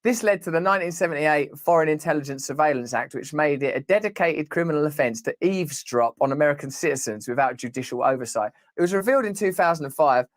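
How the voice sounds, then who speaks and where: A man with a slightly high voice hosts a comic news commentary, recorded very dry. He reads reports aloud, then riffs on them with animated, irreverent, sweary asides. He often fires rhetorical questions straight at the listener. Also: quick pace, few pauses, no echo. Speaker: commentary show host.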